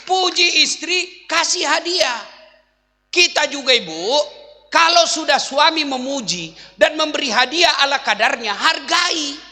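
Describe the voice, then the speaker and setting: A man's voice: very high voice, animated, unhurried, sharp tone, in a large hall. A man preaching a humorous sermon, telling jokes and acting out the lines of the people in them. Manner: joking storyteller, acts out quoted lines. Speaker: Islamic preacher.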